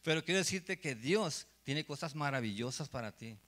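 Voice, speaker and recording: A man preaching an evangelical sermon to a congregation, conversational and given to repeating words, growing loud and urgent. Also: on the high side, animated, moderate pace. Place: church hall with congregation.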